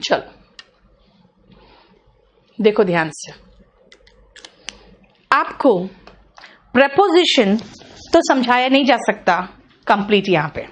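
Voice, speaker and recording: A woman's voice: fairly high pitch, very animated, slow pace, pauses often. A woman with an Indian accent teaching English pronunciation in an online class, patiently repeating sounds and checking that students follow.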